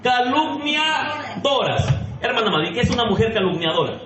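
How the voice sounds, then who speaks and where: A man's voice: high-pitched, expressive, normal speed, roomy sound, crowd noise, rough recording. A man preaching a sermon as pastor, emphatic and questioning the congregation directly. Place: church sanctuary.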